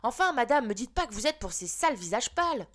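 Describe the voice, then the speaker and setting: A woman reading aloud and voicing a rowdy, defiant schoolboy who shouts back. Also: a little high, big pitch swings, fast talker, voice pushed up.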